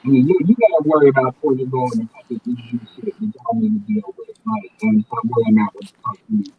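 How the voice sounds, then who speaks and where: Muffled man on a low-quality stream. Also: expressive, fast. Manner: blunt and profane. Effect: muffled low-quality stream audio, sounds underwater and far away. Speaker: regular panelist on a group voice chat. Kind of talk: heated casual debate. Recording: tinny, muffled, phone-like stream with faint hiss.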